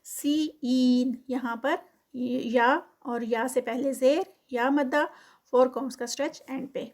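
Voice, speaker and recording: A woman with a high voice gives a Quran recitation lesson. She draws each verse phrase out slowly and carefully. Then she explains the rule in a brisk, matter-of-fact way. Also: steady tone, a little mellow. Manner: slow drawn-out recitation, then quick plain explanation.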